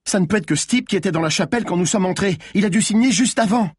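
A man voicing a frantic woman journalist who shouts urgent orders during a car chase. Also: sits low, a little fast, husky, no echo, clean studio sound, voice pushed down. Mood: frantic shouting.

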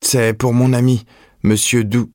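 A man's voice: mid-range voice, level tone, measured pace, darkish tone, no room sound, studio quality, pitched above the performer's own voice, close to an everyday voice. A man voicing a frantic teenage boy in an audiobook, speaking in a raised, tense voice. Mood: strained. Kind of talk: audiobook character voice.

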